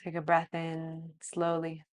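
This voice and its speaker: A woman with a lowish voice guides a yoga relaxation in the manner of a sleep story narrator. She speaks very slowly and softly, leaving long pauses between short phrases. Her intonation stays level and soothing throughout. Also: completely flat delivery. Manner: soothing, slow, hushed delivery with long pauses. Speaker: yoga teacher.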